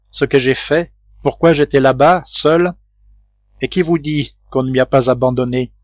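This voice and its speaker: A man's voice: mid-range voice, no room sound, natural voice. A man reading an audiobook, voicing a wild, tormented castaway man who hurls incoherent, agitated questions. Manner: agitated, incoherent outbursts, questions flung in a rush. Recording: dry, slightly dull home recording.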